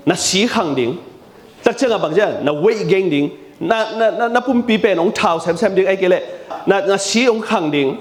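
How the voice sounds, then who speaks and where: A man preaching a sermon in a lively, animated way, often repeating words and slipping English terms into his speech. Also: high-pitched. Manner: lively, animated delivery with frequent repetition. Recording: echoey room.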